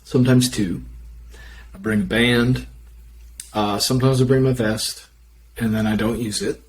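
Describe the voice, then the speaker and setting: A man's voice: medium pitch, fairly even intonation, a little slow, a little hiss or hum, poor audio. Joking man with a Minnesota accent. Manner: joking, self-deprecating. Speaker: podcast co-host. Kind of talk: casual chat.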